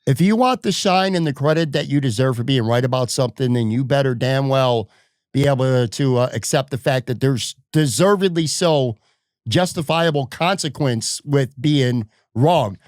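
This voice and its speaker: A man's voice: mid-range voice, moderate pace, a little mellow, no echo, clean studio sound. A man hosting a sports podcast, talking bluntly and heatedly in casual chat, swearing freely. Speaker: podcast host.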